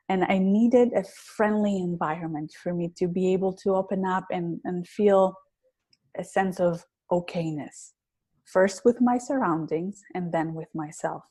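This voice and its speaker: With a medium-pitched, darkish tone and a strong Greek accent, a woman from Greece reflects earnestly as a podcast guest. She works as a public speaking coach and hesitates now and then.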